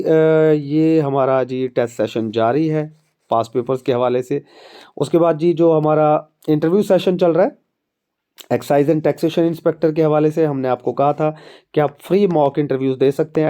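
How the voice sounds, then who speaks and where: A mellow, medium-pitched man with a Pakistani Urdu accent delivers exam and job updates as an academy instructor despite a sore throat. He keeps it chatty and conversational, talking straight to his viewers.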